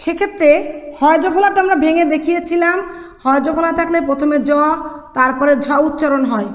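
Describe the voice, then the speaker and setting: A woman's voice: very high voice, steady tone, fairly quick. A woman lecturer from Bangladesh teaching pronunciation rules step by step, putting questions to the class and answering them herself. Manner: explains step by step, asks and answers her own questions. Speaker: college Bengali lecturer. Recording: echoey room, long reverb.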